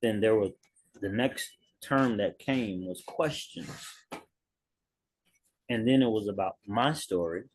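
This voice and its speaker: A man in a writing group sharing his reflections on a video call, slow and thoughtful, repeating key words. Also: lowish voice, slight background noise. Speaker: workshop participant.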